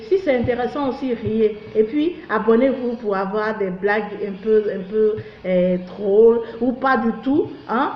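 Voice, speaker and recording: A woman's voice: a little high, slight background noise. A woman hosting a comedy joke-news vlog, chatty and teasing with lots of fillers. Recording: roomy, dull lo-fi.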